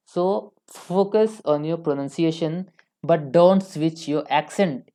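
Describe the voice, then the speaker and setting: A woman with an Indian accent talks straight to her viewers as an English tutor. Her voice sits low and mellow. She gives earnest advice and often stops to correct herself. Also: takes it slowly. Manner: earnest, advising, frequent self-corrections. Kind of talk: instructional talk to camera.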